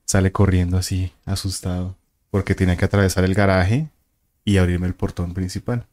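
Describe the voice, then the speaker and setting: A man's voice: deep voice, level tone, fairly quick, a little mellow. A man, a guest telling a vivid story and acting out the voices and sounds in it. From Colombia. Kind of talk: casual storytelling of a paranormal experience.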